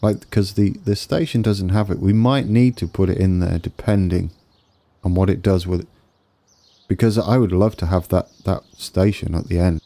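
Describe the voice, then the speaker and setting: A man's voice: low-pitched, steady tone, normal speed, dark tone. A man with a wheezy, congested voice giving casual commentary on a game build, tentatively thinking aloud as he goes. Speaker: gaming video host.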